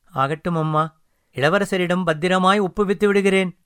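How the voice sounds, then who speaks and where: A man's voice: a little high, a little slow, sharp tone, no echo, studio quality. A man voicing a loyal young boatman who answers humbly and stammers, in an audiobook reading. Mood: humble.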